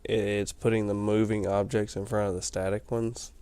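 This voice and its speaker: A man's voice: fairly low pitch, little pitch movement, normal speed, dark tone, clear, resonant tone. A tired man rambling through casual gameplay commentary, explaining things as he plays late at night. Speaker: let's play commentator.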